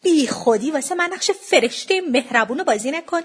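A woman voicing a loud, stubborn middle-aged mother who scolds and shouts. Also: fairly high pitch, very animated, slightly rough, exaggerated voice. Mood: scolding.

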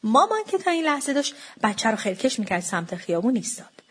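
A woman reading a comic first-person story aloud in an animated way. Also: a little high, breathy edge.

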